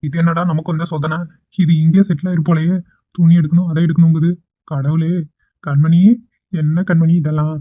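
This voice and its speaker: A man's voice: a little high, little pitch movement, brisk, no echo, close to an everyday voice. A man voicing an exasperated young man in a dubbed cartoon, who grumbles and mutters about his demanding grandmother. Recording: tinny phone-like recording.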